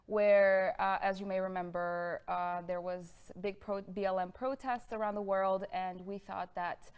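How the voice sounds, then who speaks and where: Smooth-voiced young woman from Bulgaria lecturing. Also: medium pitch, steady tone, a little slow. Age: 20s. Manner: friendly, many ums, bursts of speed. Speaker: guest lecturer. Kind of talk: presenting a lecture. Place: studio room with pink sofa.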